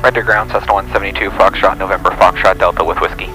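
Sex: man. Role: pilot. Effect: voice heard over the aircraft radio. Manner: clipped, very fast readbacks, very low voice. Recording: clear music underneath. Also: steady tone, low-quality recording. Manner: clipped radio phraseology, reads back clearances. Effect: pilot talking over the aircraft radio. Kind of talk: radio calls to air traffic control.

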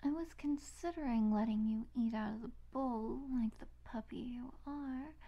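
A woman's voice: on the high side, normal speed, lo-fi sound. A woman playing a possessive, sadistic yandere captor in an ASMR role-play, with a sweet, eerily obsessive, teasing manner. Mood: coaxing, possessive.

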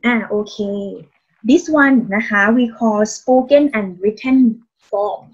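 A woman with a Thai accent teaches an online language class, speaking very slowly and patiently in a fairly high voice. She keeps encouraging her students with praise and polite particles. The video call audio sounds dull and muffled. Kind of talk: online Thai lesson, mixing Thai and English.

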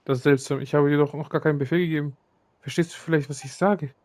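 A man's voice: on the high side, steady tone, fast, a little mellow, no room sound, natural voice. A man reading aloud the lines of a woman who looks after young saurians. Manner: reads game lines aloud, with slips.

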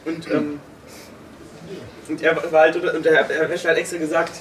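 Young man telling a halting story. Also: a little high, level tone, a bit bright. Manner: halting storytelling with restarts and swearing. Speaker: podcast co-host. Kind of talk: casual chat among friends. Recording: distant room mic with faint noise.

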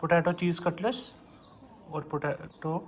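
Higher-voiced man explaining a recipe. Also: measured pace, slight background noise, low-quality recording. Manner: plain step-by-step explaining. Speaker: cooking channel host. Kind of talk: cooking tutorial voice-over.

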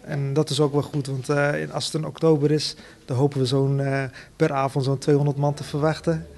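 A man, a theater director, answering interview questions earnestly with many pauses and fillers. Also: fairly high pitch, level tone, a little mellow.

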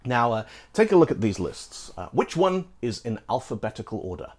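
A middle-aged man from Britain hosts a scripted programming lesson in a studio, standing in front of a green screen. He's lively and playful, gesturing as he talks and making asides to the viewer. His voice is mid-range and his pace moderate in this tech explainer.

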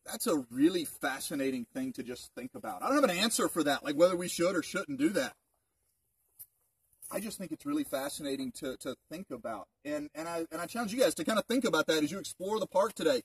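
A park ranger, a man in his thirties, talks briskly and expressively in a slightly high, husky voice, with no echo. His informal history talk to a group in open woods is conversational and packed with rhetorical questions. He's recorded by a camera a few metres away using a distant outdoor mic.

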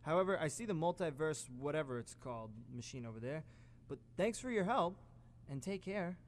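A man's voice: fairly high pitch, animated, fairly quick, big-room sound, lightly acted. A man playing a cocky, wisecracking young superhero in an amateur radio play, chatty and sarcastic. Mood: casual, friendly.

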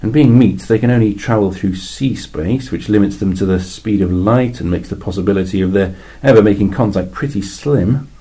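The weary alien envoy in this science fiction reading is voiced by a man with a very low, husky, dark tone. He moves at a moderate pace with hardly any pauses, explaining matter-of-factly and dryly, with occasional flashes of exasperation.

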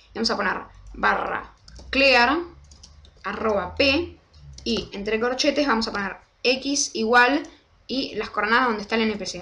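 A young woman, casually walking through a game tutorial step by step and slowing down to spell out commands. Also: mid-range voice, gravelly, pushed and bright. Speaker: Minecraft tutorial creator. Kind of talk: casual screen-recorded tutorial.

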